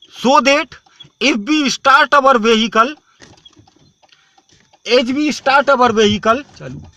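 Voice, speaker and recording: A man with an Indian English accent speaking in a halting, repetitive, ranting monologue for a home video. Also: very high voice, sharp tone. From Tamil Nadu, India. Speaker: self-styled swami.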